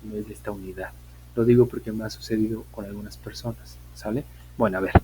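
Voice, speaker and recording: A man's voice: on the low side, steady tone, fast, dark tone, a little hiss or hum, low-quality recording. A man, teaching an online English class, explaining patiently, repeating points and asking his students questions.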